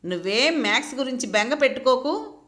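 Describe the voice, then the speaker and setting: A woman's voice: sits high, lively intonation, a little fast, a bit bright. A woman voicing a caring grandmother who speaks in a soothing, coaxing way.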